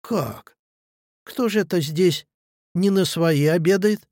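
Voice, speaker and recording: A man's voice: high voice, slow pace, a little mellow, no echo, studio quality. A man reading the lines of an insolent young hanger-on who mocks and needles. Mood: sneering. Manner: mocking, needling.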